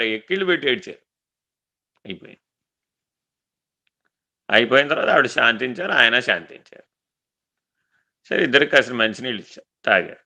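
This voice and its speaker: Gravelly, bright-voiced male spiritual teacher. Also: a little high. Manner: animated storyteller, repeats phrases for emphasis, draws out key words slowly. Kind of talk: devotional discourse with storytelling.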